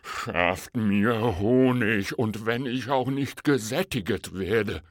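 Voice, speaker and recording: A man voicing an excitable, greedy male bear in an audiobook fable, pleading and crying out eagerly. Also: takes it slowly, no room sound. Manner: eager, pleading, rising to high excited cries. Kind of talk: audiobook reading of a verse fable.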